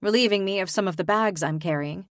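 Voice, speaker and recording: A woman's voice: medium pitch, fast talker, no echo, clean studio sound. A young woman giving emotional, weary first-person audiobook narration. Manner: emotional, weary, introspective delivery.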